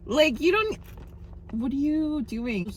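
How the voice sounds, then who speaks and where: A woman vlogger chats through funny stories, her pitch leaping up and down as she goes. She laughs often and acts out what others said. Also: expressive, slow, a little hiss or hum. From England. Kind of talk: casual storytelling chat.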